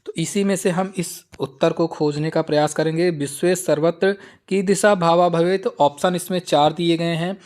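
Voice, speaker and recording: Male exam-prep tutor, fairly high voice, reads options slowly and explains plainly. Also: steady tone, a little mellow. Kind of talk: Hindi exam-prep lesson with slow Sanskrit reading.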